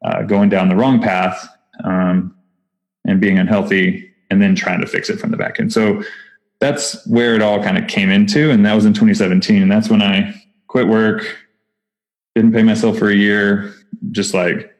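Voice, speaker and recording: Speaking at a normal pace in a lowish, fairly even voice, this Texan man founded a nonprofit and is a guest on a podcast. His interview manner is relaxed and eager, with plenty of filler words and false starts.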